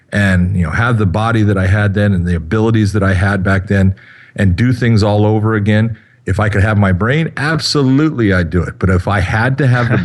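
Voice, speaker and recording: A man in his fifties talks on a podcast with a lowish voice, rambling from thought to thought and padding his lines with fillers. He sounds easygoing and conversational. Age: 50s. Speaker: podcast co-host. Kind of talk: casual chat.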